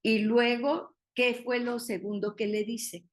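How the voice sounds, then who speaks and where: Slow-paced woman teaching Bible study. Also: on the high side, little pitch movement. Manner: explains patiently, asks the group questions.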